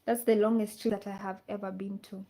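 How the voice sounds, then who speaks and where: A woman's voice: medium pitch, level tone, fast talker, warm tone, slight background noise. A woman from Kenya hosting a casual livestream, reading out viewer comments and repeating her questions to the audience. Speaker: livestream host. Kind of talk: casual live chat with viewers.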